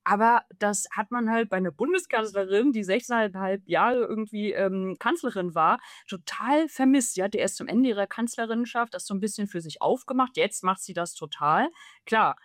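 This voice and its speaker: A woman's voice: medium pitch, normal speed, dry recording, clean studio sound. A woman in her thirties from East Germany, an author answering interview questions in long, fluent, emphatic sentences. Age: 30s. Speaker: author and journalist guest.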